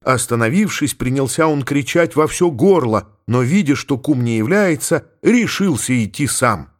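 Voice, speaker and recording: A man reading a classic tale aloud as an audiobook narrator, with an expressive, lively delivery. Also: mid-range voice, normal speed. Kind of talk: storytelling narration.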